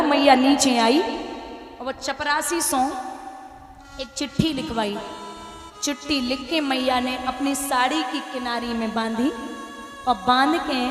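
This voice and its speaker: A woman storyteller, telling a devotional katha in an emotive way and addressing listeners as maharaj. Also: high-pitched. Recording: echoey hall reverb.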